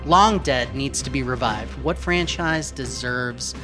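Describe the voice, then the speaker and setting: A man's voice: mid-range voice, unhurried, music in the background. A man hosting a casual gaming podcast, upbeat and joking. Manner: upbeat, joking, hype-driven introductions. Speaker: podcast host.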